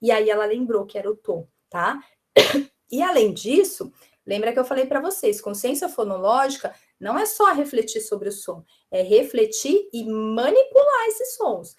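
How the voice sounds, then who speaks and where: Explanatory Brazilian woman, higher voice. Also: big pitch swings, moderate pace, darkish tone. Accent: Brazilian Portuguese, São Paulo. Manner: explanatory, uses diminutives and frequent "né?" and "tá?". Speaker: teacher trainer. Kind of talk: online teacher training talk. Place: live stream presentation.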